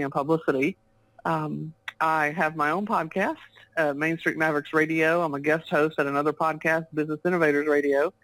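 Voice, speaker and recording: Speaking over a remote call, a Texan woman who is a guest author and business coach answers interview questions chattily and fluently, often laughing as she talks. Her voice is low with a fairly bright tone, and the recording is rough with no echo.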